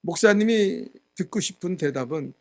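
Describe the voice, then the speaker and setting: A male pastor giving a sermon, telling a story and acting out the quotes, growing loud at the high points. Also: animated, moderate pace. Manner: storytelling with acted quotes, rising loud at climaxes. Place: church sanctuary.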